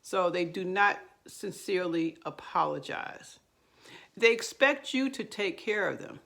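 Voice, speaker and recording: A woman giving earnest, explanatory counseling advice straight to camera, pausing on fillers and restarting her sentences. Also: fairly low pitch, gravelly, a bit bright. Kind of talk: direct-to-camera advice talk.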